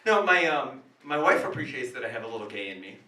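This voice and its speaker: A man doing crude, self-mocking stand-up comedy in a small cafe, with a rough, wrecked voice. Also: mid-range voice, sing-song, fast talker, sharp tone. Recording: echoey room, distant mic, live music.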